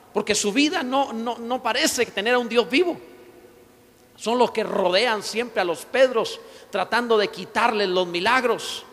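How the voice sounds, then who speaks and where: Man, pastor, very high voice, passionate sermon, shouts then hushed asides, long church-hall reverb. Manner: passionate preaching, swings from shouting to quiet storytelling.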